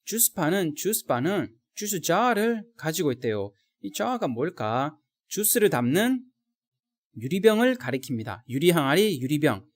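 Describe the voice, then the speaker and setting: Guy teaching vocab, kinda high voice, bouncy up and down, drills slow example lines. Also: big pitch swings. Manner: addresses viewers directly, slow drilled English example sentences. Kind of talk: recorded vocabulary lesson.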